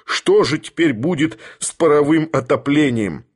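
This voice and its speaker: A man voicing a haughty older professor who speaks in an imperious, lecturing, deliberate manner. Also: on the high side, expressive, breathy edge, voice pushed up. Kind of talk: audiobook character voice.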